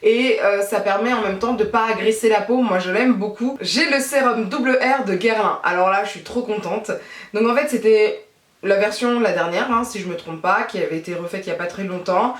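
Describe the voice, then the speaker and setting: A woman beauty vlogger talking casually at home, chatty and self-mocking, quick to laugh at herself. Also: mid-range voice, far from the mic. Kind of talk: casual chat to camera. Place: at home, child nearby. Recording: echoey room, voice set back from the mic.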